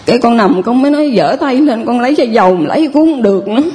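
A woman with a southern Vietnamese accent, a parishioner giving a personal testimony in a halting, rambling way with many restarts. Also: a little high, expressive, dark tone.

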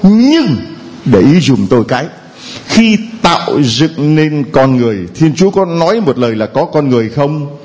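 A man delivering a homily in a playful, conversational way. His voice sits a little high and swings widely in pitch as he fires questions at his listeners. Faint background noise runs underneath. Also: big pitch swings, normal speed, a little mellow. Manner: playful, quizzing the congregation, chuckling. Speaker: priest.

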